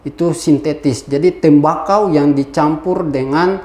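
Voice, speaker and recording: Young man, animated storytelling, somewhat high voice, echoey room. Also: a little slow. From Ambon. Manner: animated, acts out quoted voices. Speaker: interview guest. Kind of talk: personal testimony storytelling.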